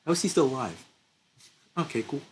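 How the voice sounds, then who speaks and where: Very animated and brisk, a young man with a mid-range voice hosts gameplay commentary for his gaming channel, chatting casually, laughing often, and thinking aloud. He sounds stuffed up, like he's getting sick. Slight background noise is present.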